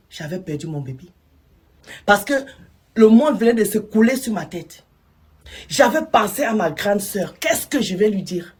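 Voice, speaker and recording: A woman storyteller retelling a listener's testimony in first person, with hushed, emotional dips and rises. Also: mid-range voice, husky.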